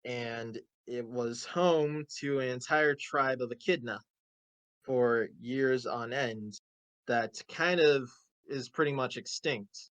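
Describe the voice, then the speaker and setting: A man hosting a casual chat show, explaining game lore in a rambling way full of "uh" and "like". His voice sits at an ordinary pitch and is recorded close and dry, with no room sound. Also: takes it slowly, fairly bright tone, dry recording. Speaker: host.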